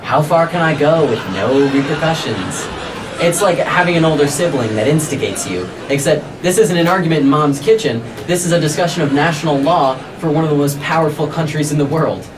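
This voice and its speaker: A man's voice: fairly high pitch, brisk, few pauses, crowd noise. A man presenting scripted political satire like a parody news anchor, with a sarcastic delivery full of rhetorical questions. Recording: noisy, distant microphone with room ambience.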